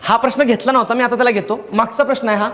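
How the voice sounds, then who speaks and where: High-pitched male teacher, patient and repetitive explainer, lecture delivery. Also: fairly even intonation, rapid-fire, fairly bright tone. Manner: explains patiently, repeats each point. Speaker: English grammar teacher. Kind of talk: classroom lecture.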